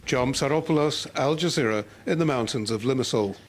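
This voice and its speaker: A male correspondent narrates a scripted news report in clear, even voice-over. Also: mid-range voice, brisk, slight background noise.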